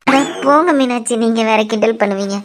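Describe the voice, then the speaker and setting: A woman's voice: on the high side, brisk, close to an everyday voice. A woman voicing a bantering middle-aged in-law in a cartoon, playful and teasing. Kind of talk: cartoon voice acting.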